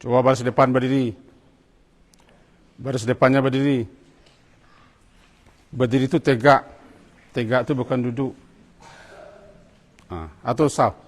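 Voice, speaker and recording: Teaching students the prayer step by step, a religious teacher gives short commands and coaxes them on in a mosque prayer hall full of long reverb. His medium-pitched voice stays steady, a little slow, with long pauses.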